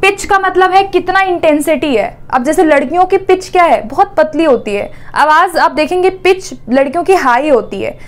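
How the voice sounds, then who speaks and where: A woman with a high voice delivers an exam-prep lesson. She explains step by step, asks her own questions and answers them, and checks in with her listeners after nearly every point. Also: lively intonation, moderate pace, few pauses. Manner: explanatory, repeats "theek hai" often. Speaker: teacher.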